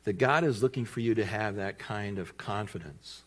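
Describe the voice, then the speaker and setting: A male pastor preaching a sermon in church, telling a story with lively delivery and acted-out quotes. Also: on the low side, normal speed. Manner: lively storytelling, acting out voices in quoted lines.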